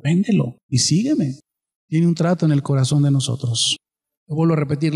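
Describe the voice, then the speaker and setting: A male pastor delivers a sermon in a high voice. He keeps checking that his listeners are with him, asking question after question. The voice rings through a hall with a long reverb. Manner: preaching with rhetorical questions to the congregation.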